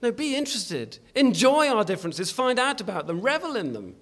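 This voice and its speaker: A man's voice: very high-pitched, sing-song, a little fast, fairly bright tone. A man preaching a sermon in a church, earnest and emphatic, often restarting his phrases as he exhorts the congregation.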